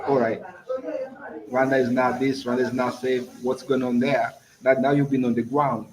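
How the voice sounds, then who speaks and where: A man's voice: mid-range voice, a little mellow, low-quality recording. A man hosting an interview, asking long, winding questions in a casual conversational way. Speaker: interview host.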